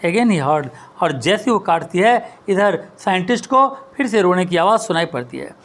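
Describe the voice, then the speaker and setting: Male tutor explaining a story, lively pitch, slow on the quoted lines. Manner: reads English lines slowly, then explains in Hindi. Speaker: teacher. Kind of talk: line-by-line story explanation lesson.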